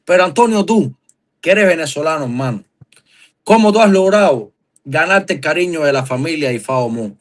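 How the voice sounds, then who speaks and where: An earnest Cuban man speaking as a guest in a live-stream discussion, making emphatic points and asking long questions. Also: a little high. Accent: Cuban Spanish. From Cuba.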